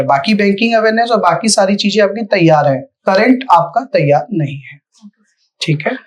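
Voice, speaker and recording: A man giving direct, firm feedback to a candidate after a mock interview, as a panelist. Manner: direct, firm coaching, lively pitch swings.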